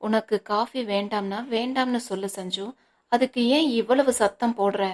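A woman reading the part of a calm, firm young husband in a storybook, speaking in a measured way. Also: mid-range voice, close to an everyday voice.

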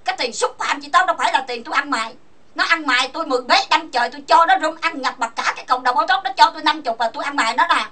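A woman's voice: high voice, rapid-fire, sharp tone, distant mic. A woman from Vietnam hosting an online voice chat room, ranting angrily and hurling insults while demanding that listeners agree with her. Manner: angry, accusing, insulting, asks listeners for agreement. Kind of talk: heated voice chat rant.

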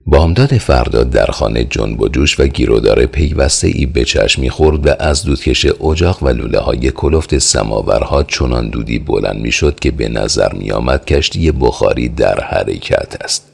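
A man narrating an audiobook with steady, measured storytelling. His voice sits very low with a gravelly, creaky texture and a husky grain. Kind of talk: scripted narration.

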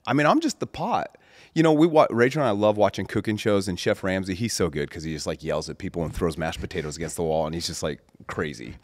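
A man co-hosting a casual faith talk, telling stories with big swings in pitch. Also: quick pace, no echo, studio quality. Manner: animated storytelling, swoops in pitch.

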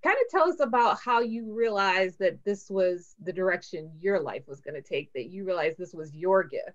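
A woman's voice: lowish voice, lively intonation, normal speed. A woman co-hosting a podcast, chatting casually in a loose, giggly way and introducing a guest. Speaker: podcast co-host. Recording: dull lo-fi sound.

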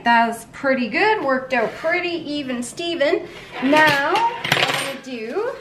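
A woman's voice: high voice, a little hiss or hum. A woman talking through her weekly meal prep in a home kitchen, bubbly and playful with cutesy pet words. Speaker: weight-loss vlogger. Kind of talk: casual cooking and meal-prep talk.

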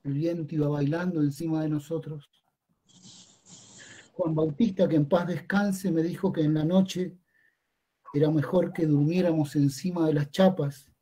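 A man reading a dramatic monologue as an elderly migrant grandmother, in a quiet, hushed way. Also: fairly high pitch.

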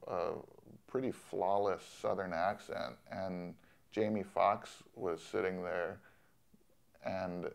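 A man in his forties, a film director, speaking thoughtfully in an interview with many pauses and restarts. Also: deep voice, fairly even intonation, gravelly. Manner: soft-spoken, thoughtful, with many ums and restarts. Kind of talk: interview conversation. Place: studio in Los Angeles.

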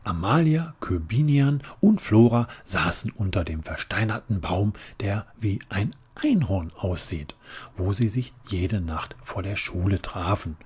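A man calmly reading a children's book aloud in a soft, relaxed ASMR style. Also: lowish voice, husky. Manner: soft, calm, slow. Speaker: reader.

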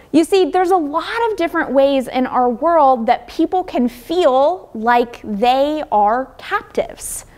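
A young woman pastor giving a gentle children's sermon, telling a story as she moves around a church sanctuary with props. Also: high-pitched. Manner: moving around, gesturing with props. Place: large church sanctuary, indoors. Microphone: far camera.

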